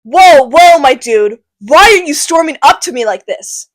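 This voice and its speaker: A woman's voice: high voice, lively intonation, unhurried. A teen girl doing bossy uncle Capulet. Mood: scolding. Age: teens. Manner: bossy, scolding.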